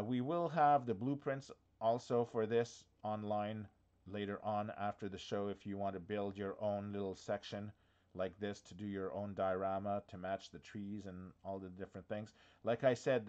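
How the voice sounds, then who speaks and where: A diorama workshop host does a casual live walkthrough from his office, his voice on the low side with a darkish tone and cut-off highs. He has the hiccups and talks chattily but hesitantly, full of fillers and restarts.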